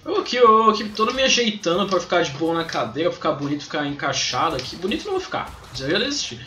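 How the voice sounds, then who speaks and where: A man's voice: a little high, sing-song, fast, background noise. A young Brazilian man doing casual, slangy live game commentary, rambling and swearing freely. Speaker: gaming live streamer. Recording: roomy home stream with game music. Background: faint game music.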